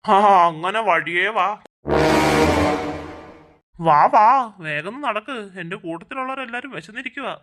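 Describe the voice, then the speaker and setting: A woman voicing a hungry, bossy chimpanzee creature who talks slowly and low while giving orders in a kids' drama. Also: lively intonation, a bit bright, faint music behind. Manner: slow, low, commanding. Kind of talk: Malayalam kids' fan drama.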